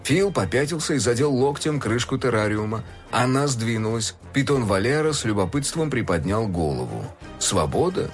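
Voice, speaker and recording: Animated male storybook narrator. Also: mid-range voice, moderate pace, few pauses. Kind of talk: storybook reading for children. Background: faint music.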